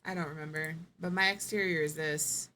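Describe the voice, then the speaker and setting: A woman with a fairly low voice streams live gameplay commentary, thinking aloud as she clicks through options. She muses, trails off and corrects herself in a casual, chatty way. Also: steady tone, brisk, bright, forceful tone, slight background noise.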